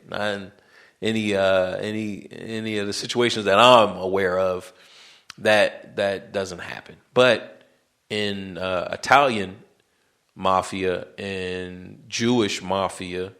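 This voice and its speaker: An American podcast host delivers a casual, rambling monologue full of fillers, slang and restarts. His voice sits low and is slow, gravelly and a bit bright, with fairly even intonation.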